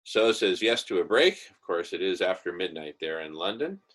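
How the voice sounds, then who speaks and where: A man with a low, expressive, slightly bright voice runs an online group discussion, talking at a moderate pace through earbuds on a video call. It's casual, rambling visionary talk, enthusiastic and idealistic, and he hammers points home by repeating them.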